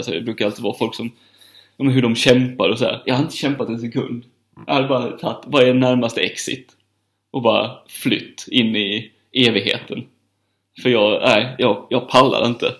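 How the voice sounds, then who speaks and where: A man's voice: mid-range voice, fairly even intonation, fairly bright tone. A man co-hosting a casual chat who laughs often, mocks himself and rambles with many restarts. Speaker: podcast co-host.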